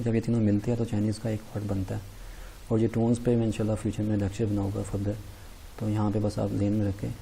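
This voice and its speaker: A man teaching a language lesson over slides, explaining in a steady tone and often repeating himself. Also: on the low side, slight background noise, low-quality recording. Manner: steady explaining tone, repeats points, frequent "theek hai". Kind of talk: slide lecture in Urdu.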